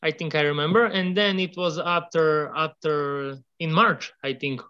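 A young man from Serbia, speaking English as an in a halting, hesitant way while searching for words as a guest on a remote interview. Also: fairly high pitch, fairly even intonation, sharp tone, clear, resonant tone, lo-fi sound. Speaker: guest, former exchange student.

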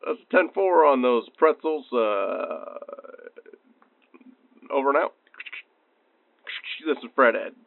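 A man playing a lazy male assistant fire chief who talks haltingly with radio sign-offs, heard over a police-style two-way radio. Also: medium pitch, animated, gravelly. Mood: casual. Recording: tinny radio line, dry.

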